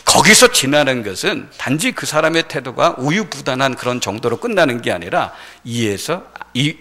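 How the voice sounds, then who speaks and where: A man's voice: mid-range voice, bright, forceful tone. A male pastor preaching a Sunday sermon in church, emphatic, repeating key phrases and asking his congregation rhetorical questions. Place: church sanctuary.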